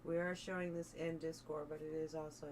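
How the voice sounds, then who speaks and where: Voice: mid-range voice, flat delivery, a little fast, darkish tone. A stream host chatting casually while commenting live on wrestling. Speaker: watch-along stream host. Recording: livestream with clear background noise.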